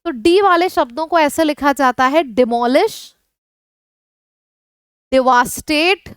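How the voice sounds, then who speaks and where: Woman, Indian accent, exam-prep vocabulary lesson, questions to viewers, high voice. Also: slow pace, no echo, clean studio sound. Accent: Indian English. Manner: explains word lists, with questions to the viewers. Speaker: English vocabulary teacher.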